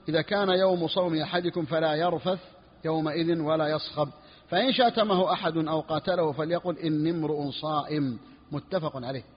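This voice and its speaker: A man's voice: a little high, husky, big-room sound, highs cut off. A man, a sheikh, teaching a religious law lesson, explaining a text and repeating his key phrases for emphasis. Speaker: sheikh teaching a fiqh book.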